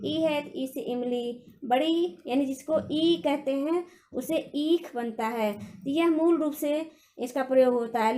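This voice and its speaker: A woman's voice: sits high, a little mellow. A woman teaching a Hindi grammar lesson to children, patiently repeating points and asking questions of the class.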